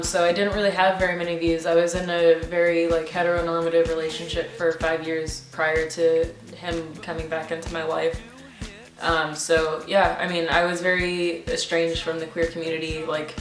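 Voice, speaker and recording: A woman in her twenties answering interview questions casually, thoughtful and halting, with frequent ums. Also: low-pitched, far from the mic. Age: 20s. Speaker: interview guest. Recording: roomy, off-mic, with music behind.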